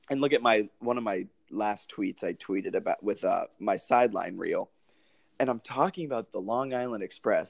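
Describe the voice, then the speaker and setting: A man's voice: fairly low pitch, vocal fry, darkish tone, no room sound. Chatty man co-hosting a sports podcast. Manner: chatty, laughs often, goes off on tangents. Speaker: podcast co-host. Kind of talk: casual sports podcast chat. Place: lives in Hoboken, New Jersey.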